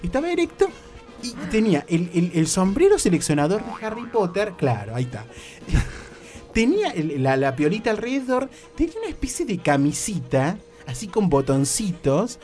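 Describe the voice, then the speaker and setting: On the radio, a man with a Rioplatense Argentine accent tells a comic story in a high-pitched, very animated voice at normal speed, slightly mellow, with faint music in the background. The radio comedy host keeps slipping into exaggerated voices and constantly asks "¿viste?".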